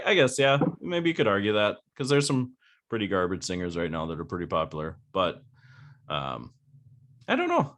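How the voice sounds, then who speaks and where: A man co-hosting a casual podcast chat over a video call, relaxed and laughing often. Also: on the low side. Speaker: podcast co-host.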